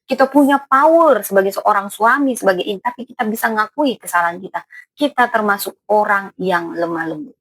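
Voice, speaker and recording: A woman's voice: medium pitch, a little fast, a bit bright, breathy edge, no room sound, poor audio. A woman pastor preaching a sermon in a blunt, emphatic manner, often turning to address the congregation directly.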